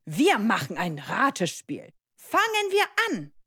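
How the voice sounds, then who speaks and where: A woman's voice: medium pitch, huge pitch swings, slow pace, sharp tone, husky, dry recording, studio quality, pitched above the performer's own voice, full character voice. A woman voicing a friendly magical talking school bag that plays a guessing game, in a storybook reading. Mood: playful. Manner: cheery, playful quizmaster.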